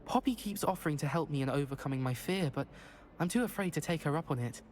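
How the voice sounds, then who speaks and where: A slightly high, fast-talking male voice with lively intonation and a darkish tone, close to an everyday sound, with a little background noise. The actor voices a nervous young wizard student in a video game, anxious and self-deprecating, speaking in a hesitant, fussy, self-conscious way.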